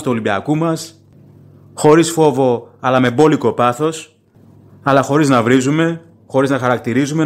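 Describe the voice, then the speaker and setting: A man hosting a solo football fan podcast, talking in a plain-spoken, opinionated and rambling way. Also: medium pitch. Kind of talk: casual solo podcast commentary.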